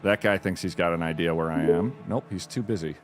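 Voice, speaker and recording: A man's voice: low-pitched, brisk, faint music behind. A man streaming a game, giving live commentary in a dry, wry, self-deprecating mutter.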